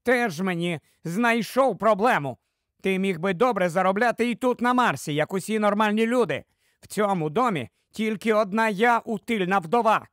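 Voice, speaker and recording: A man reading an audiobook, voicing a sharp-tongued, nagging middle-aged wife with a shrill, scolding delivery. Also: moderate pace, no echo, studio quality.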